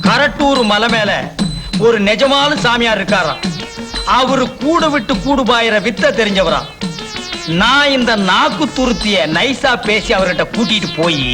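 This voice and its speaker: An actor playing a cowardly village trickster posing as a holy man, whiny and theatrical in a film comedy. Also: extremely high pitch. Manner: whiny, theatrical, panicky wailing. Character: scheming cowardly male village trickster, middle-aged. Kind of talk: 1980s film comedy acting.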